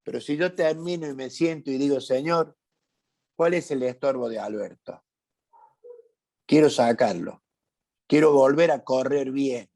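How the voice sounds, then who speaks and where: A man's voice: medium pitch, measured pace, pauses often, a little mellow. A man from Córdoba with a Cordobese Argentine accent, preaching a sermon to his congregation, emphatic and full of rhetorical questions and repeated phrases. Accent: Cordobese Argentine Spanish. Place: church meeting hall.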